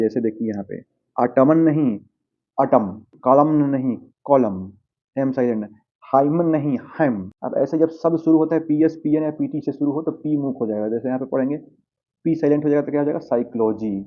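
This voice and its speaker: A man teaching English pronunciation over slides, patiently asking the viewer questions and answering them himself. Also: mid-range voice. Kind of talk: slide-based pronunciation lesson. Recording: tinny phone-like sound.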